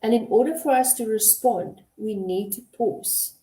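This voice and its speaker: A middle-aged woman hosting a motivational talk on communication, speaking in a measured, deliberate way and stressing key words. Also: a little high, dark tone. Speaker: host and communication coach. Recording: echoey room.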